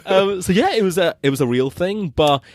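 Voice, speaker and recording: A man's voice: high voice, a little fast, no room sound, clean studio sound. A young man co-hosting a comedy podcast, telling a story with lots of laughter and acted-out voices. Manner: animated, laughs often, acts out dialogue in voices. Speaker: podcast co-host.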